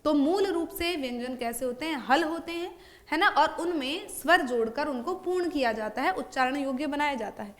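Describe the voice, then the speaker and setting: A woman's voice: sits high, lively intonation, moderate pace, a bit bright. A woman teacher explaining a grammar lesson, often asking a question and then answering it herself. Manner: asks and answers her own questions.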